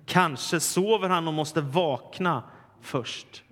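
A bold prophet, commanding, as a preacher puts him on. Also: male voice, fairly high pitch, fairly bright tone, voice pushed up, close to an everyday voice. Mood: mocking. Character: bold male prophet challenging a crowd. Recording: long hall reverb.

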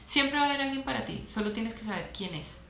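A woman's voice: on the high side, fast talker, creaky. Woman, sports doctor, chatty and playful storyteller; roomy echo, faint noise underneath. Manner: animated, laughs often, playful storytelling. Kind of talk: casual interview talk. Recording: echoey room, faint background noise.

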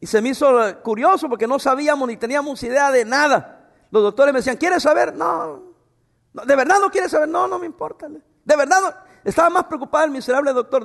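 High-voiced pastor preaching in a hall. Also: male voice. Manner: animated, acts out voices in quotes; humorous asides to the congregation. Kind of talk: sermon. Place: church hall. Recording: long hall reverb.

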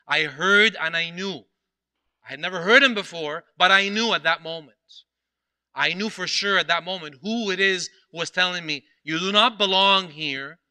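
A priest delivering a sermon in a high, bright voice with a crisp, smooth tone. He tells a story earnestly and leans on repeated phrases for emphasis. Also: normal speed.

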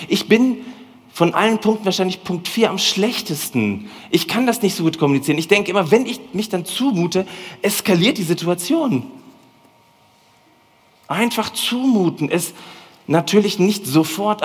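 A man preaching a lively, colloquial sermon in a church hall, speaking directly to the congregation. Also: sits high, breathy edge. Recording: long hall reverb.

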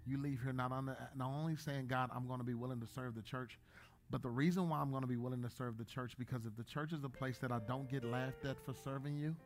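A man in his thirties, a pastor, preaching a sermon in a church, joking at times and then building to loud, emphatic bursts. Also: medium pitch, steady tone, fast talker, faint music behind. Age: 30s.

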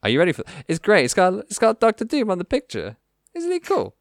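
A male podcast host talking casually, rambling enthusiastically and piling up fillers. His smooth voice swings up and down in pitch. The sound is close and dry. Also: wildly swooping pitch, fast, no room sound. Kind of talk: casual chat.

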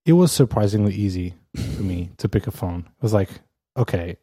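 A man's voice: on the low side, expressive, fairly quick, dark tone, husky, dry recording, clean studio sound. A man co-hosting a podcast, chatting casually and rambling, with lots of fillers and restarts. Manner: rambling, many fillers and restarts, laughs often. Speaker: podcast co-host. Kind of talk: casual chat. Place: lives in Amsterdam.

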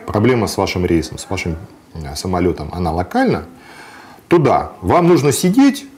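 This man speaks low and sing-song at a normal speed, his tone on the dark side, with a little background noise. He's a guest in a conversational interview, plainly laying out practical travel tips from his own trips and filling gaps with frequent "uh" sounds.

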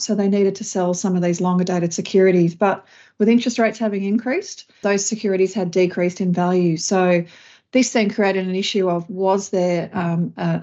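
A woman hosts an investment podcast, walking through market events in a measured, explanatory way with occasional restarts. Her pitch sits mid-range. The recording is slightly dull and lo-fi. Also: dark tone. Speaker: podcast host, chief investment officer. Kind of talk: scripted podcast intro then casual chat.

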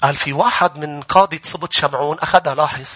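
Male pastor, forceful, driving preaching that swells into shouts. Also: on the high side, fast, breathy edge. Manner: impassioned preaching, often rising to shouts. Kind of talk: sermon.

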